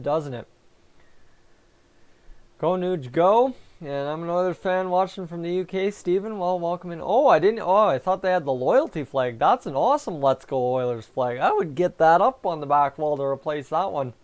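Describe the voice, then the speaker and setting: A man's voice: on the high side, moderate pace. A man hosting a live hockey fan reaction stream, chatting casually and answering viewers while talking with a sore, raw tongue. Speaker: fan livestream host.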